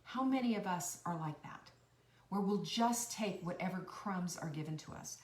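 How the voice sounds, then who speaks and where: A woman giving an earnest, encouraging motivational talk, repeating her key phrases with a preachy cadence and swinging from bright, high bursts down to soft near-whispers. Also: normal speed. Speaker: host of a cooking and life-tips channel. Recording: roomy echo, a bit far from the mic.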